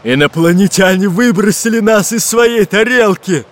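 A fat, grumpy storybook pirate who growls out loud, angry complaints, as a male narrator puts him on. The voice is pushed up high and kept forceful. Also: lively intonation, moderate pace.

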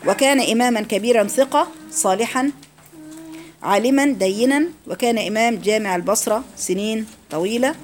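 A woman's voice: a little high, slight background noise. A woman with an Egyptian accent teaching Quran recitation rules in a classroom lecture, explaining each rule and quizzing her students with questions.

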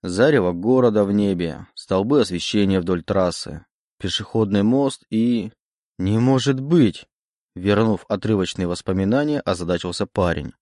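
A man reading a novel aloud as its narrator, in a steady, measured way. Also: sits low, no room sound, clean studio sound. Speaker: audiobook narrator. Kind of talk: scripted narration.

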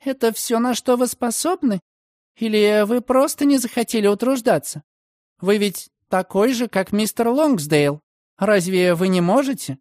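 A proud young woman, bristling with indignation, her voice pitched high and hissing with accusation, as a male narrator puts her on. The sound is dry and close, with lively swings of pitch. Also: measured pace, no echo. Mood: indignant.

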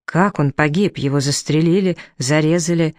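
A man's voice: a little high, normal speed, no echo, studio quality, natural voice. Man doing a mild, soothing young doctor. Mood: startled. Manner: soothing, gentle. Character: calm, mild young male country doctor.

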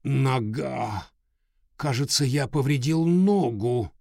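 A man doing a calm, kindly professor. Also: mid-range voice, no room sound, studio quality, voice pushed up. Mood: urgent. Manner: reassuring, measured. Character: kindly calm middle-aged male professor.

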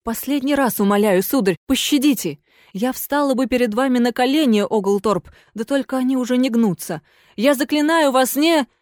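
A woman's voice: high-pitched, normal speed, darkish tone, no room sound, clean studio sound, close to an everyday voice. A woman voicing a fearful, pleading female water ghost in an audiobook, in a plaintive, imploring manner.

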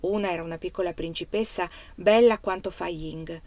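A woman reading a novel aloud as an audiobook narrator, in a measured, steady literary manner. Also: fairly low pitch, no room sound. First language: Italian. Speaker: reader.

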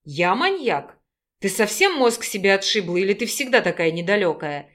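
A woman's voice: mid-range voice, lively intonation, fairly quick, a bit bright, lightly acted. Woman reading as a harsh, scolding werewolf man. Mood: furious. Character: gruff angry male werewolf rescuer. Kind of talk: audiobook reading.

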